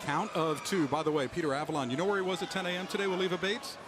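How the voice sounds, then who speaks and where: A man's voice: high voice, steady tone, very fast. A man giving conversational color commentary on a wrestling match, chatty with asides and reactions. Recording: noisy arena, loud crowd behind. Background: loud crowd and arena noise.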